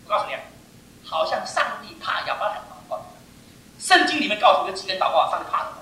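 A man's voice: sits high, rapid-fire. Older male pastor preaching in an echoey hall. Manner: animated, emphatic preaching, often says "I tell you". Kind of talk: sermon. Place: church. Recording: echoey hall, mic far off.

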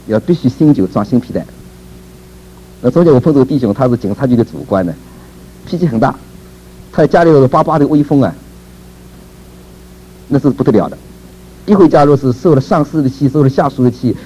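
A man's voice: mid-range voice, warm tone, dull audio, a little hiss or hum. A man preaching a sermon in a conversational way, asking rhetorical questions, chuckling and repeating words.

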